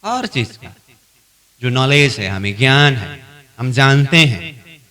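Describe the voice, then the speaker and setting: Speaking slowly in an animated, medium-pitched voice, this spiritual training class leader asks his students questions and repeats his points. He plays both parts of a dialogue himself, getting louder as the exchange escalates.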